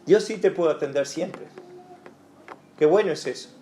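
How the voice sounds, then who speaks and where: A man leads a Bible study in a church, speaking conversationally and leaning on fillers and rhetorical asides to his listeners. His voice sits high for a man, and the room around him rings with a clear echo. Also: moderate pace, dark tone, slight background noise. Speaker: pastor. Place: church hall.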